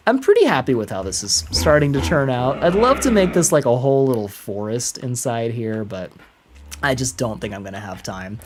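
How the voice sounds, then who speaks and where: Chatty man streaming a game, lively pitch. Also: slight background noise. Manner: chatty and upbeat, rambling with frequent fillers and soft laughs. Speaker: live-streaming game host. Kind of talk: casual live-stream chat while playing.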